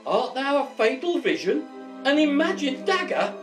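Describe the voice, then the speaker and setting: Actress as a fretful henpecked husband, lively pitch, heard from a distance with faint music. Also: female voice, normal speed, reverberant. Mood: dramatic. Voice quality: hesitant, whiny. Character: timid henpecked Macbeth, a nervous husband.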